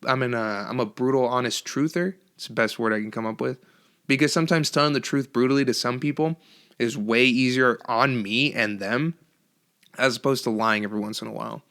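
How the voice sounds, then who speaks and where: A man's voice: medium pitch, pushed and bright, clean tone. A young man hosting a solo podcast, ranting casually and profanely with lots of restarts. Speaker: podcast host.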